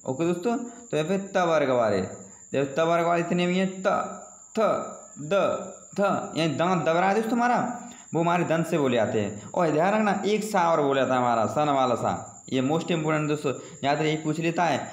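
Guy teaching exam prep, keeps asking and answering himself, kinda high voice, echoey room. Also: lively intonation, a little fast. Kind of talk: exam prep lesson explaining Hindi vowels.

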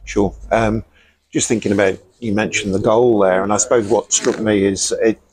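A man's voice: fairly low pitch, fairly even intonation, normal speed, darkish tone, rough recording. An English man interviewing a football manager after a match, asking long, rambling questions with fillers. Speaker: club reporter and interviewer.

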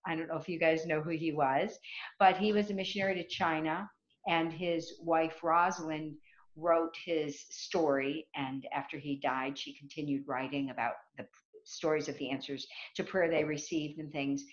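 A woman's voice: low-pitched, steady tone, normal speed, reverberant, dull audio. A woman guest telling stories vividly in conversation, acting out the people she quotes. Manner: vivid storyteller who acts out quoted voices. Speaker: guest speaker on children's reading. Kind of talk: animated storytelling in conversation.

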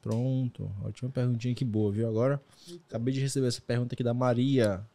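A man's voice: mid-range voice, fairly even intonation, fast, warm tone. A man with a Brazilian Portuguese accent asking questions in a casual podcast interview, chummy and joking.

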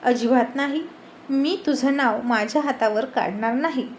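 Coy young woman, teasing, sulky, read by a woman narrator, bright-ish voice. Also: high voice, measured pace, a little hiss or hum.

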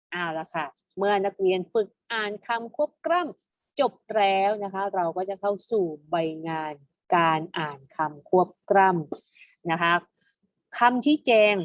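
A woman teacher leading a reading lesson, sounding out words slowly and deliberately for her pupils. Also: medium pitch, no room sound, dull audio. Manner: slow, deliberate pronunciation drills.

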